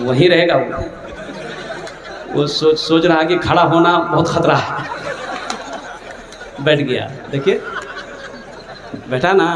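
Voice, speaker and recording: A man's voice: high voice, reverberant. A man preaching at a fundraising gathering, making rhythmic appeals and teasing jokes. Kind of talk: fundraising sermon with humor.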